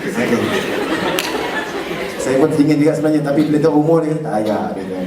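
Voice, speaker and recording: A man's voice: a little high, expressive, fast, crowd noise. Joking Malaysian man in an echoey hall. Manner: jokey, teasing the audience. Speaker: liver transplant recipient speaker. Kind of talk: humorous public talk. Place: lecture hall. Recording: echoey lecture hall, far from mic.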